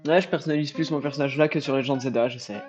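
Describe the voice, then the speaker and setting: A young man streaming a game live, casual and jokey, muttering then suddenly shouting, with swearing. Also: mid-range voice, fairly even intonation, racing. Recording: dull lo-fi stream audio with faint game music.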